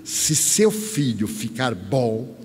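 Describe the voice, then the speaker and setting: A man quoting a stubborn, irritable psychiatrist in a lower voice during a lecture, in a reverberant hall. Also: big pitch swings, takes it slowly, a little mellow, breathy edge, exaggerated voice. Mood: irritated. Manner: stubborn, indignant. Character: irritable materialist male psychiatrist.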